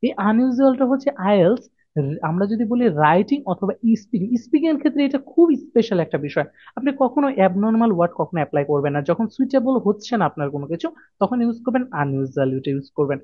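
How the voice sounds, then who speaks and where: A man's voice: high voice, animated, rapid-fire, no room sound. A man teaching exam vocabulary, who repeats key points and asks and answers his own questions. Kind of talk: explaining a lesson to students. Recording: dull, dry, lo-fi audio.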